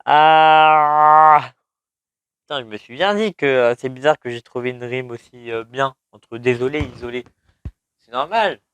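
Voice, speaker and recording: A man's voice: mid-range voice, expressive, a little fast, fairly bright tone, smooth, no room sound, lo-fi sound. A young man with a lisp that slurs his s sounds, chatting casually and playfully as he thinks aloud about songwriting. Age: young adult. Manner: informal, playful, self-mocking, breaks into sung or rapped lines. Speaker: amateur songwriter and video creator. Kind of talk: casual vlog, thinking aloud while writing a song.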